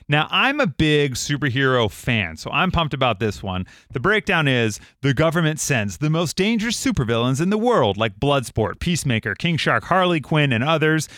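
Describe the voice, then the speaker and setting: A man's voice: mid-range voice, pushed and bright, clean tone, dry recording, clean studio sound. A man hosting a radio podcast in casual chat, upbeat and enthusiastic.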